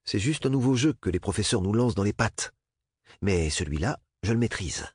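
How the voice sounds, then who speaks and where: A man's voice: fairly low pitch, animated, normal speed, husky, dry recording, clean studio sound. A man reading a clever wry boy. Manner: quiet, wry. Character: clever calm young boy cadet.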